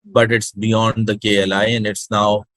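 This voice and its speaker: A man's voice: on the low side, level tone, measured pace, a bit bright, no room sound, rough recording. A man with a Pakistani accent answering in an interview, hesitant and switching between two languages as he explains. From Pakistan, born in Hyderabad, grew up in Karachi. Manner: hesitant, code-switches between English and Urdu. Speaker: interview guest, startup incubator project director.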